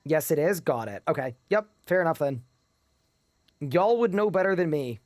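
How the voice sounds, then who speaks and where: A man's voice: on the high side, expressive, normal speed, a little mellow, no echo, soft background music. A sleep-deprived man streaming a game live, chatting casually and reading his chat aloud.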